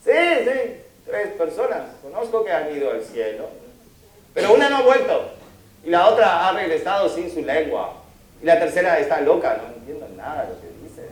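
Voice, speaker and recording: A man's voice: on the high side, sing-song, moderate pace. A man doing a rambling old monk. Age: older. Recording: echoey live hall.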